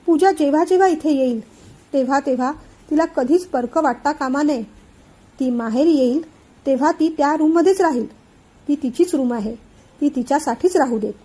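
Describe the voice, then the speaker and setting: Woman reading as emotional elder brother, young man, earnest and tender, high voice, mellow tone, storybook reading. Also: moderate pace, lightly acted. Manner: heartfelt, earnest monologue.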